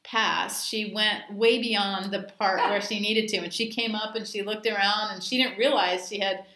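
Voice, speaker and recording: A woman dive instructor talks through a training session in a chatty, anecdotal way, with plenty of ums and asides. Her voice is bright and forward. The room around her is echoey. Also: mid-range voice, fairly even intonation, moderate pace. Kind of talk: casual training talk.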